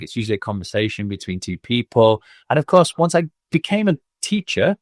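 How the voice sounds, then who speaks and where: On a podcast, an English school owner in his thirties, from Manchester and with a Mancunian accent, reflects on his career with frequent fillers. He speaks at a medium pitch. It's studio quality with no room sound.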